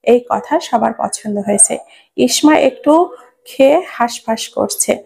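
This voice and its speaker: A woman's voice: on the high side, a little slow, creaky, mellow, husky. A woman narrating a story in a scripted audiobook reading, voicing each character close to her own voice. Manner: reads every character in near her own voice.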